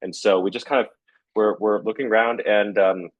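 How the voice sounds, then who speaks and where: A man speaks in a very low, slightly rough-edged voice with a dry, close sound. He rambles in a loose, conversational way, as in a relaxed interview. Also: moderate pace, dry recording, highs cut off. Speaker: festival co-founder. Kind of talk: casual interview.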